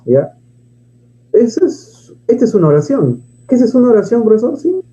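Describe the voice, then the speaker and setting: A man's voice: very high-pitched, big pitch swings, moderate pace, dark tone. A man teaching a grammar lesson, who asks and answers his own questions and reads poems aloud. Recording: dull lo-fi sound.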